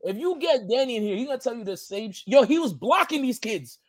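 High-voiced man telling a rowdy story. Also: expressive, fast talker. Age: adult. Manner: acts out other people's lines, slangy and profane. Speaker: podcast co-host telling a story. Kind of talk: animated casual storytelling.

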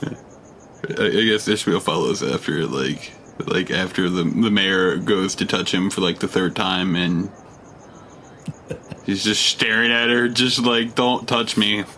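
Very deep-voiced male player, halting. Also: sharp tone, a little hiss or hum. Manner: halting, trailing off. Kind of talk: casual chat.

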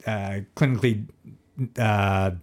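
A man's voice: on the low side, fairly even intonation, slow. A man with an Australian accent chatting casually like a blokey tradesman, full of slang and swearing. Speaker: podcaster and construction worker, guest. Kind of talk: casual chat.

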